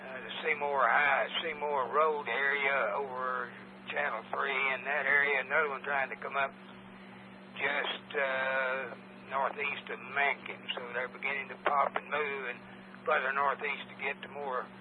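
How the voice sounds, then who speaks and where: A man's voice: mid-range voice, level tone. Man dispatching over a noisy two-way radio. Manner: halting, hesitant speech with many pauses. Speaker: storm-spotter radio net controller. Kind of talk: police-radio style dispatch talk. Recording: tinny narrow-band radio, clear noise and hum.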